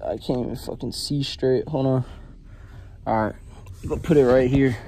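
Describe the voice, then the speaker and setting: A man's voice: mid-range voice, fairly even intonation, unhurried, warm tone. A young man, audibly stoned, chatting casually to camera in slang with a hazy, rambling stoner manner. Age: young adult. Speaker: vlogger. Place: small enclosed pillow fort indoors.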